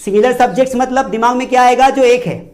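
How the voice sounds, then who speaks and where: Speaking with a Hindi accent, this male teacher has a very high, somewhat mellow voice and a fast delivery. His classroom-style video teaches spoken English, and he repeatedly questions his students before answering for them, hammering home key words by repeating them.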